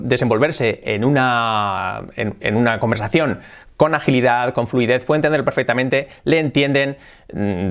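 Guy from spain teaching english on video, mixes spanish and english, lively, keeps saying ok. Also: medium pitch. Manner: lively, repeats words, tags phrases with "¿ok?". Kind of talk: casual video lesson mixing Spanish and English.

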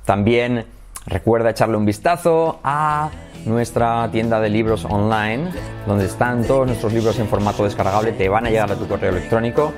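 A man's voice: fairly low pitch, fairly even intonation, normal speed, faint music behind. A man teaching English to Spanish speakers in a video lesson, switching between Spanish explanations and English example sentences.

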